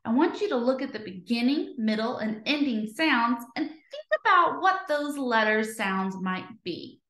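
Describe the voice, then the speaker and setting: A woman leads a children's phonics lesson with a bright, sharp voice pitched a little high. She sounds out letter sounds slowly and clearly, cheering the kids on, and her voice rings in an echoey room. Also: lively intonation. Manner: cheerful and encouraging. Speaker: teacher.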